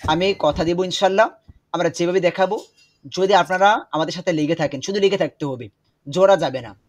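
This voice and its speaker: Husky-voiced man teaching an online class. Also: high voice. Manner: explains slowly, repeats words, drills pronunciation. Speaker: Quran teacher. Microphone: video call.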